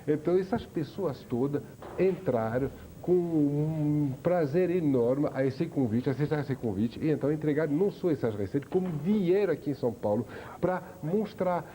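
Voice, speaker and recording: A man's voice: fairly high pitch, expressive, normal speed, warm tone, a little hiss or hum. A man from France, a chef guest on a TV talk show, telling his story with enthusiasm. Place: TV studio.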